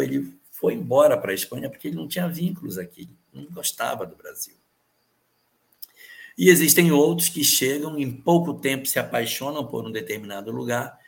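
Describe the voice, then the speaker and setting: A man answering viewer questions in a calm, measured explanatory talk, repeating key phrases for emphasis. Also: mid-range voice, vocal fry. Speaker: spiritist guest answering questions.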